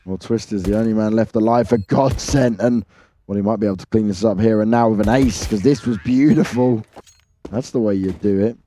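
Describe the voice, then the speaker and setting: A man's voice: on the low side, fairly quick, mellow. A man giving live play-by-play commentary on an esports match. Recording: faint noise, clicks and game gunfire.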